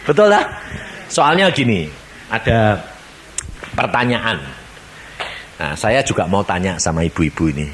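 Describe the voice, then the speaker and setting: Brief: male evangelist, lively pitch, faint room hiss behind. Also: measured pace, pauses often. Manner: animated, questioning the congregation. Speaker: evangelist preacher. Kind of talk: sermon.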